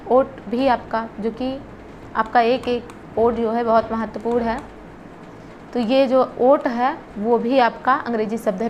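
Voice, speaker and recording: Woman, teacher, high voice, slow, reading word lists, exam-prep lesson. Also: slight background noise. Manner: reads word lists slowly, with short explanations.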